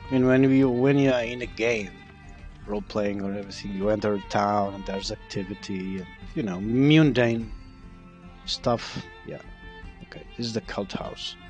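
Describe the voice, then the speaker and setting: Guy streaming a game, casual chatter, reads the text out loud, faint game music under him. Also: fairly low pitch, muffled recording. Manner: casual, musing, reads dialogue aloud. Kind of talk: gameplay commentary and reading game text aloud.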